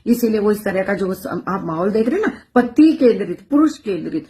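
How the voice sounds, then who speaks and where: A woman educator speaking passionately in a monologue, forceful and rhetorical, repeating her phrases for emphasis. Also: medium pitch, big pitch swings, brisk, a little hiss or hum. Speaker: educator and social media speaker. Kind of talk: impassioned monologue to camera.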